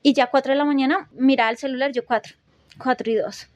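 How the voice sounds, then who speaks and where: High-voiced woman telling a story. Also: fast, dry recording. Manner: animated, acts out her own reactions, many fillers and restarts. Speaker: podcast storyteller. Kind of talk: casual horror storytelling.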